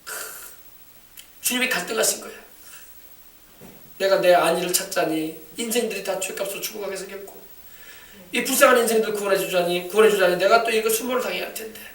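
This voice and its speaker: A man's voice: high-pitched, fast, fairly bright tone. A male pastor preaching a sermon with passion and often calling out for an amen. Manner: impassioned preaching, calls for amens. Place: church sanctuary. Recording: echoey church from a distance.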